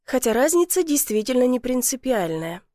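A woman's voice: high voice, sing-song, moderate pace, dark tone, no echo, clean studio sound. Woman narrating an audiobook, wryly. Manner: wry first-person storytelling.

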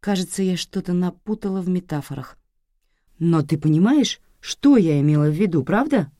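A woman's voice: lowish voice, animated, normal speed, mellow, dry recording, pitched above the performer's own voice, natural voice. A woman reading an audiobook, voicing a wry, chatty female police officer. The recording is close and dry.

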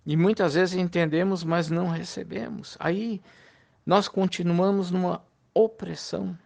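Gravelly-voiced man preaching earnestly. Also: high voice, fairly even intonation, a little slow, a little mellow. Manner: earnest, pleading, heartfelt. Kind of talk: recorded sermon to fellow believers.

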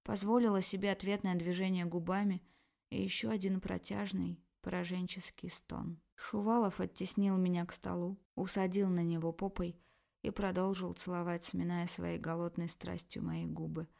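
A woman with a low-pitched voice narrating a first-person erotic novel as an audiobook. Her reading is expressive and emotional, leaning into every feeling of the heroine. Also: normal speed, vocal fry.

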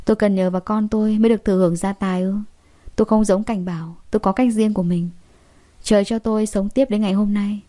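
A woman's voice: mid-range voice, lightly acted. A woman reading the lines of a stern, determined young husband from a wealthy family in an audiobook. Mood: dismissive. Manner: firm, quietly determined.

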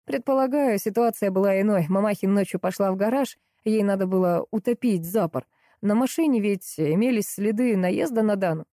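A woman's voice: medium pitch, a little fast, dark tone, dry recording, clean studio sound, natural voice. A woman reading an audiobook, voicing a rude, mocking middle-aged man who talks down to women and jeers bluntly. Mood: sneering. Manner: sneering, blunt, jeering.

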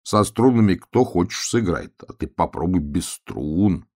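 A man's voice: sits low, expressive, a little slow, darkish tone, heavily acted. A man voicing a cheerful, easygoing young male bear cub in a storybook tale.

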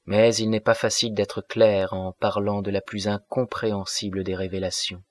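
A man's voice: lowish voice, level tone, normal speed, no room sound, close to an everyday voice. A man voicing a kindly old pastor. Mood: explaining. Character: kindly old male village pastor, pipe smoker.

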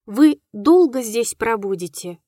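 A woman's voice: fairly high pitch, expressive, unhurried, mellow, no room sound, clean studio sound. A woman voicing the plaintive, mocking ghost of a young lady in an audiobook.

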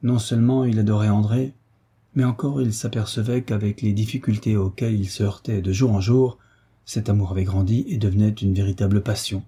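A man narrating a classic French adventure novel in a measured, even storytelling manner. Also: fairly low pitch, breathy edge. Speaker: audiobook narrator. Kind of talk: scripted narration.

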